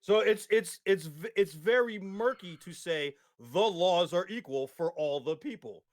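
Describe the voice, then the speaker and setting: A man's voice: high-pitched, expressive, a little slow. A man in a casual debate, explaining at length with many restarts and tag questions. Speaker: guest.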